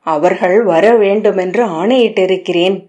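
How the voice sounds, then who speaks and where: A woman reading the lines of a proud, calculating queen in an audiobook, in a measured, commanding way. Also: on the low side, dark tone, natural voice. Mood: cool, commanding.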